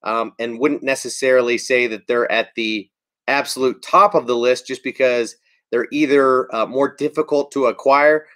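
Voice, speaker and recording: A man's voice: mid-range voice, fairly even intonation, moderate pace, fairly bright tone. A man in his thirties hosting a casual fishing livestream from home, chatting easily and greeting viewers by name.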